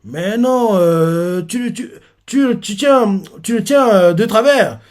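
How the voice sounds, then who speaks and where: A man doing fussing, excited villagers. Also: high-pitched, a little slow, voice pushed up.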